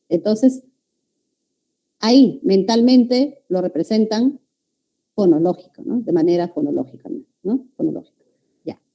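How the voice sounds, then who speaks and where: Peruvian woman teacher, dark mellow tone, explains step by step and checks in with the class. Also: medium pitch. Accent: Peruvian Spanish. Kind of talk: university-prep lecture.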